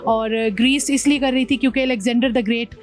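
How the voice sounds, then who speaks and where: A woman from Pakistan talks through her long motorbike ride in an interview, her voice a touch high and her telling animated. She drops English words into her sentences. Soft music plays underneath. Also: brisk. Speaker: motorbike traveller, guest. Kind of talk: interview conversation.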